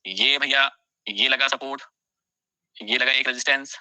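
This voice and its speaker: A man's voice: medium pitch, steady tone, a little slow, bright, forceful tone, clear, resonant tone, no echo. A man teaching a live online class, repeating key phrases for students to write down and talking to them directly, scolding and then reassuring.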